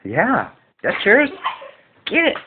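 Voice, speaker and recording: A man's voice: high-pitched, huge pitch swings, takes it slowly. A man laughing and cheering as he chats casually during a family home video. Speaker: family member filming a birthday. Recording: tinny phone-like audio with noise.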